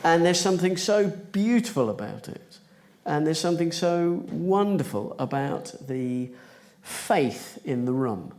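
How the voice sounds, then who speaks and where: Brief: slightly high-voiced man spinning a live panel anecdote, chuckly, halting, mimics quoted voices. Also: big pitch swings, a little mellow. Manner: chuckling, acts out quoted voices, many hesitations. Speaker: panel guest. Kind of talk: anecdotal storytelling. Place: live panel event at a library.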